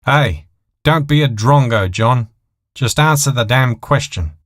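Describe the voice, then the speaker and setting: A man's voice: a little high, expressive, measured pace, no room sound, clean studio sound, voice pushed up. A man voicing a protective, nervous male co-pilot in an audio thriller story, eager, alert and urgent. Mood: defensive.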